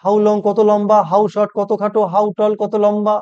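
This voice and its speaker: A man teaching a spoken English lesson, who asks each question and then says it slowly in English, and keeps calling it easy. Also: high voice, completely flat delivery, darkish tone, smooth, dull audio.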